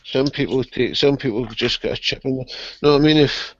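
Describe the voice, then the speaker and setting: A man's voice: mid-range voice, fairly quick, a little hiss or hum. A man in a casual online group chat, chatty, opinionated and swearing. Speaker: guest on the chat. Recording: lo-fi online call audio.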